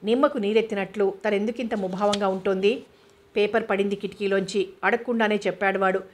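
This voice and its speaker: Woman narrator, novel reading, flat delivery with little pitch movement. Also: fairly quick, a little hiss or hum. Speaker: audiobook narrator.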